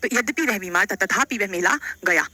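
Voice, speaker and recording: Animated and brisk, a woman with a mid-range, bright, forceful voice leads a live online Hindi grammar class question by question for exam students, repeating phrases, prompting them to respond and using casual endearments. The recording is dry.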